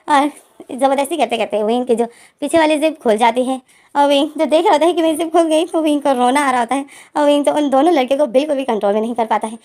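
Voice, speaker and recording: A woman's voice: high voice, a little mellow. A woman casually retelling a fan story, linking every line with plain narration. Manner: plain retelling, frequent "so she says" links. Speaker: fanfiction storyteller.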